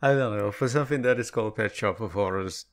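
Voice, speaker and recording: A man's voice: lowish voice, fast talker. A man co-hosting a podcast in laid-back, hedging casual chat. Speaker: podcast co-host.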